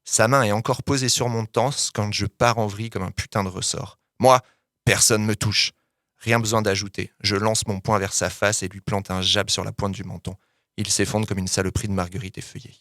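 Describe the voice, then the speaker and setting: A man co-hosting a podcast, reading a gritty novel excerpt aloud with lively delivery, then chatting casually. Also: on the low side, fairly quick, dry recording, studio quality. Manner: lively dramatic reading with coarse slang. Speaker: podcast co-host giving a book tip.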